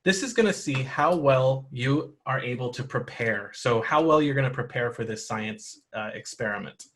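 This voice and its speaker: A man's voice: medium pitch, animated, normal speed, fairly bright tone, slight background noise. A man running a tabletop role-playing game for children, explaining the rules patiently and encouraging the players. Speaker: game master.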